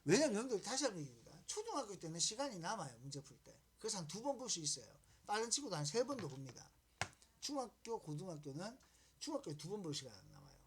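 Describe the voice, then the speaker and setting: A woman's voice: mid-range voice, sing-song, quick pace, noisy background. A woman math teacher giving a lesson, coaxing students along with repeated prompts and questions.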